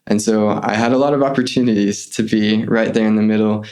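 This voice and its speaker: As a guest on an interview podcast, a young adult man retells his missionary service earnestly and with animation, voicing the people he quotes. His voice is on the low side and a little fast.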